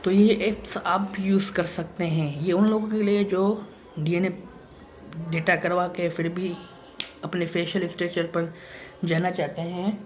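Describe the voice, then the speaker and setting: A man's voice: high voice, flat delivery, a little slow, a little hiss or hum. A man from Pakistan, talking casually to camera as a YouTuber, emphatic and repeating himself. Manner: repetitive and emphatic, circles back to the same points. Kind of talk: casual vlog monologue.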